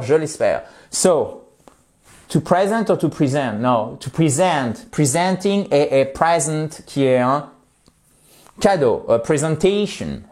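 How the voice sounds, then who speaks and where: A man whose first language is French teaching English expressions, friendly and explanatory, slowing down to model English pronunciation. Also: a little high, darkish tone.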